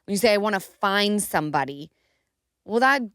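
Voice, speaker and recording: A woman hosting a podcast in casual chat, calmly asking questions and steering the talk. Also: mid-range voice, moderate pace, smooth, no echo, studio quality. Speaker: podcast host.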